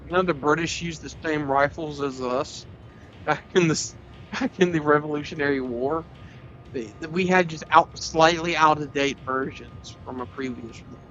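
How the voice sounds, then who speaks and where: A man with a slightly high, sharp-toned voice at normal speed vlogs in a rambling, joking monologue, cursing freely and stumbling over his words. The recording sounds slightly dull, with faint music and a little hiss or hum.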